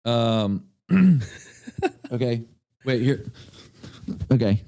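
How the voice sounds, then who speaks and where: A man's voice: mid-range voice, lively intonation, extremely slow, warm tone, no echo. A man chatting as a podcast guest, hesitant and self-deprecating, with lots of fillers. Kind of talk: casual chat.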